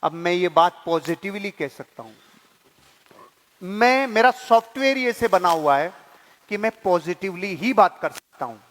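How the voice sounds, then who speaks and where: A motivational speaker and network marketing leadership trainer delivers an emphatic seminar speech in colloquial language peppered with English words, repeating key phrases and posing rhetorical questions. His voice sits high and is a bit bright and animated, with a measured pace. The recording carries a long hall reverb.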